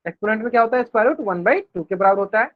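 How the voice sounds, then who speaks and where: High-voiced man teaching math. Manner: repetitive, asks the class questions and answers them himself; says English math terms slowly and drawn out. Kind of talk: live online class lecture. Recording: dull lo-fi stream audio.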